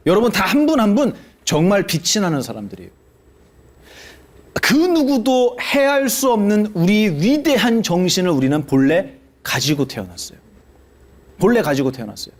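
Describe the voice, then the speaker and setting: A male Buddhist monk giving a lively sermon to an audience, asking them questions and acting out the people he quotes. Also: high-pitched. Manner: animated, asks the audience questions and acts out quoted speech.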